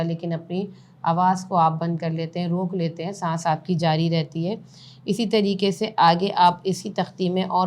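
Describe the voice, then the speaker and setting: A woman's voice: lowish voice, darkish tone. Patient woman teaching Quran reading. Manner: patient, spells out letters and vowel marks slowly, recites in slow chant. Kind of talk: step-by-step lesson explanation.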